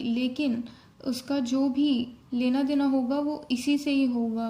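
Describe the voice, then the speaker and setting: A woman teaches shorthand, calling out letters and strokes one by one. Her voice sits high but mellow, and her pace is unhurried and steady. She moves easily between Hindi and as she explains. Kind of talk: step-by-step tutorial explanation.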